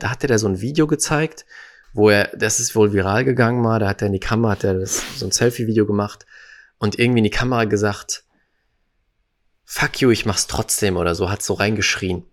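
Man, low voice, earnest reflective podcast co-host, emphatic. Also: quick pace. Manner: earnest, emphatic, acts out quotes. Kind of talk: casual reflective conversation.

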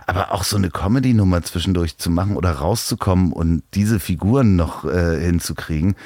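A man's voice: sits low, a little fast, darkish tone, no room sound. A man hosting a podcast interview, chatty and enthusiastic, with frequent exclamations. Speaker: podcast host. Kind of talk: casual interview.

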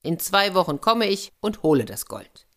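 A woman's voice: on the low side, big pitch swings, normal speed, a bit bright, voice pushed up. A woman doing a bold, clever soldier. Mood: confident.

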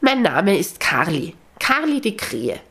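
A helpful female crow from a children's audiobook, unhurried and kind. Her voice is soft and husky, with measured, deliberate delivery, done by the storyteller. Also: mid-range voice, sing-song, voice pushed up, full character voice.

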